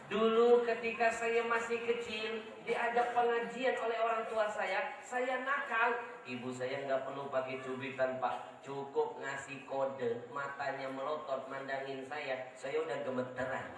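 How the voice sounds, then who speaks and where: A male preacher gives a lively, joking sermon and keeps asking the crowd to agree with him. His voice is fairly high. It booms through a heavily echoing sound system, heard from some distance with noise clearly audible behind it. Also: measured pace. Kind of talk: sermon at a religious gathering. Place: large outdoor religious gathering.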